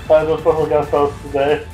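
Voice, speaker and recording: A young man commentating gameplay in casual chat, excitable and loud, laughing often. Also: on the high side. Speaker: let's play commentator. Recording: echoey room with faint game music. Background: faint game music.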